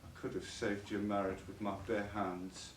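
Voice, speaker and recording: A man's voice: on the low side, little pitch movement, normal speed, slight background noise, natural voice. An actor as a bitter drunken old father. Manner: rambling, stammering, repetitive pleading. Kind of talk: stage play acting. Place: college theater stage. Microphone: distant room microphone. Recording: echoey stage recorded from far off.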